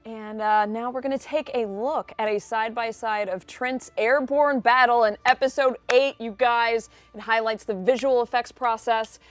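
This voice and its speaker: A woman's voice: on the high side, steady tone, moderate pace, hardly any pauses, faint music behind. A woman in her thirties hosting a casual panel chat, upbeat and giggly. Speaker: host.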